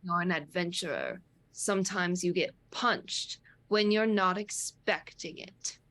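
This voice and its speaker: A woman's voice: fairly low pitch, measured pace, fairly bright tone, voice pushed down. A woman voicing a blunt, naive, pushy female barbarian who goads others in a tabletop game. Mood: goading. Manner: blunt, goading.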